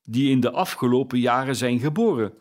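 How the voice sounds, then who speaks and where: A man's voice: medium pitch, fairly quick, natural voice. A man voicing a cheerful, open-hearted young Christmas spirit in a storybook reading.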